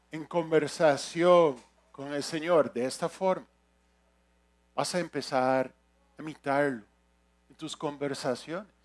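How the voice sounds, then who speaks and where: High-voiced, slow-preaching man. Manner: earnest, emphatic preaching with swings in loudness. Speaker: pastor. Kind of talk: sermon.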